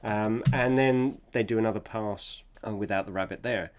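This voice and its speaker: Low-voiced guy guesting on a film podcast, enthusiastic, telling stories. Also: steady tone, normal speed, a little hiss or hum. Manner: enthusiastic, anecdotal. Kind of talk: casual film discussion.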